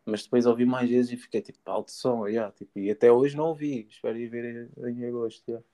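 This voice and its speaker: A man's voice: mid-range voice, steady tone, fairly quick, warm tone. A young man chatting casually in an enthusiastic, slangy way. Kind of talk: casual chat.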